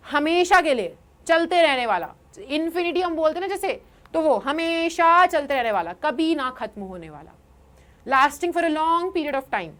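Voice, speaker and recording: A young Indian woman with a voice that sits high leads a lively online English vocabulary lesson. She explains in Hindi and reads the English examples slowly.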